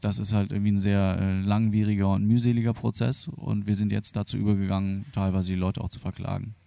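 Fast and level in tone, this man's fairly low, mellow voice carries vocal fry on a dry recording. He's a free software developer, Argentine by birth and raised in Germany, explaining things colloquially and hesitantly in a spontaneous interview.

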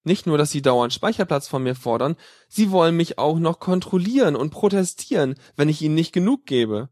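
A man's voice: on the high side, expressive, a little fast, a little mellow, dry recording, studio quality. A man reading a first-person audiobook in a sardonic, dryly mocking tone. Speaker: audiobook reader.

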